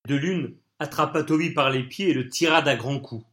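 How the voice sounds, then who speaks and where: A man narrating an audiobook in an even, measured reading voice. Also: on the high side.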